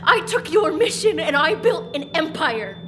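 An actress playing a proud grown daughter who runs a poisoning business, impassioned and defiant. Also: female voice, high voice, very animated, a bit bright, faint music behind, exaggerated voice. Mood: pleading, indignant. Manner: impassioned, quickly swinging between pleading and defiance. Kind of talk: audio drama acting.

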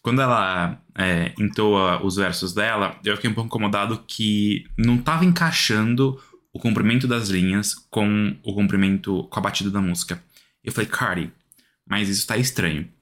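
A man's voice: fairly low pitch, moderate pace, fairly bright tone. Hesitant Brazilian-Portuguese-speaking man. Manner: hesitant, rambling with restarts. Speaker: podcast co-host. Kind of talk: casual music chat.

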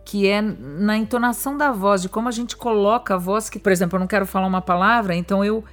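A Brazilian woman of middle pitch chats on a podcast with a curious, animated manner. She jumps in often with questions and personal examples. Faint music plays softly behind her. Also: fast talker. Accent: Brazilian Portuguese. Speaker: podcast co-host. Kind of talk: casual conversational chat.

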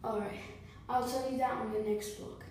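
A woman's voice: on the high side, fairly even intonation, normal speed. A young woman hosting her own podcast, chatty and repetitive as she teaches beatboxing basics. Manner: chatty, repetitive, self-correcting. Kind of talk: casual tutorial podcast. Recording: echoey room, far from mic, faint noise.

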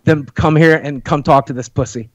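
A man's voice: a little high, fairly even intonation, normal speed, no room sound. A man in a heated call-in argument, furious and profane, repeating threats. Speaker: caller in a heated debate. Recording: muffled dry call audio.

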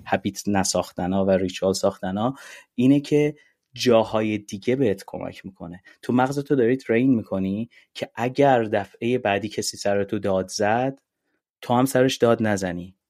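A podcast guest, eagerly explaining ideas in casual conversation and mixing in English terms. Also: male voice, lowish voice, dark tone.

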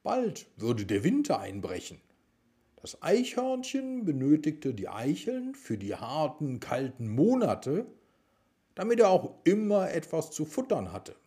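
A middle-aged man narrating a bedtime story for children in a slow, gentle way. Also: a little high. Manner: slow, gentle, lively intonation.

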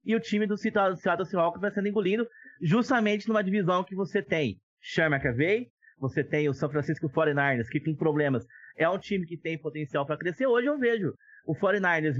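A man's voice: high voice, no echo. A Brazilian man giving opinionated, casual sports analysis as a podcast commentator, on dull lo-fi audio.

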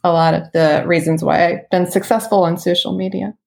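A woman's voice: fairly low pitch, flat delivery, brisk, vocal fry. A woman guest on an interview show, a stylist, answering in a reflective, easygoing way. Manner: warm, reflective, with fillers and light laughs. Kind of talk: casual interview chat.

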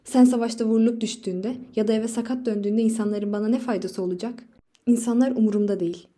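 A woman reading a story aloud voices a desperate, defiant young wife, speaking out loudly and passionately in a dark, mellow tone. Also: a little high, fairly even intonation, fast talker, close to an everyday voice. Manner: loud, impassioned pleading. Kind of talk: audiobook reading.

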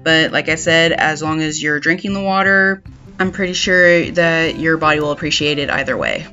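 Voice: medium pitch, moderate pace, sharp tone. Tidy advice vlogger over plucked guitar music. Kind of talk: scripted self-help tips narration. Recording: slightly dull sound, music behind.

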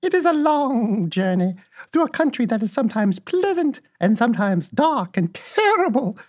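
A woman voicing a kindly, solemn little old witch in a storybook reading, giving slow, gentle, earnest counsel. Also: a little high, big pitch swings, pitched above the performer's own voice. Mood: solemn, protective. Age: older.

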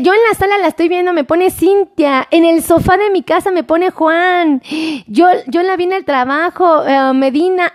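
A woman doctor with a Mexican accent hosts a live stream in casual, chatty talk, reading out viewer comments and greeting people warmly by name. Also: very high-pitched. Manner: chatty and affectionate, sends greetings and kisses by name.

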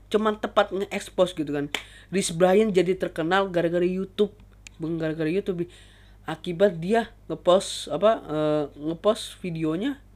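Vlogger, casual rant, crude slang, frequent restarts. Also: medium pitch. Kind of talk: casual ranting monologue.

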